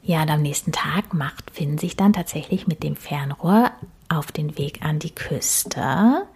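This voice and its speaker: A woman narrating a children's story in a soft, soothing, half-whispered voice. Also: deep voice, measured pace, slightly rough.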